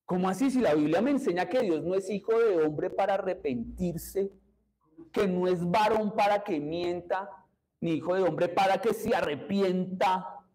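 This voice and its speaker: A man preaches a sermon in a high-pitched voice. His tone is dark and mellow rather than bright. He keeps asking the congregation questions as he teaches. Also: moderate pace, rough recording. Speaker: pastor.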